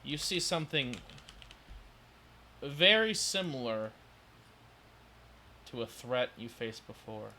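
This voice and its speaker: Game master guy narrating, bright sharp voice, lots of uhs. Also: medium pitch, expressive, slow pace, long pauses, slight background noise. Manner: stop-start narration with fillers.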